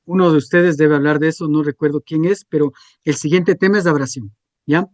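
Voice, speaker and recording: A man's voice: on the high side, fairly even intonation, brisk, dry recording. A man, teaching a class and checking in with students through frequent questions. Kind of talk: classroom lecture.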